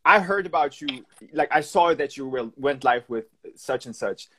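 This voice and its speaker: A man's voice: medium pitch, expressive, normal speed, bright, forceful tone. A man in his twenties from Turkey and Georgia, hosting a podcast interview on a live video call, enthusiastic and affirming. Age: 20s. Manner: enthusiastic, affirming, restarts sentences. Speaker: podcast host. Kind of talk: casual interview. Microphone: phone on a live video call.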